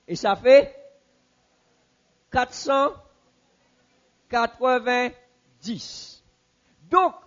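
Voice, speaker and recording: A man teaching a Bible class in a church, asking the audience questions and repeating answers slowly. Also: very high voice, muffled recording.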